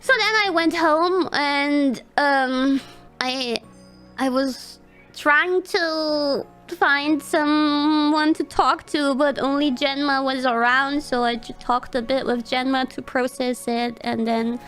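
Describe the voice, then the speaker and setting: A woman's voice: high-pitched, fairly even intonation, slow, a bit bright, faint music behind. A young woman streamer telling a personal story in casual chat, rambling and emotional, swearing and laughing often.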